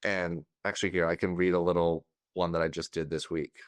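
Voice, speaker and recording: A man with a low voice speaks as a podcast guest. He talks candidly and a little emotionally, often searching for his words. The sound is dry and close. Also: flat delivery, fairly quick, no room sound. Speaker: podcast guest, party coach.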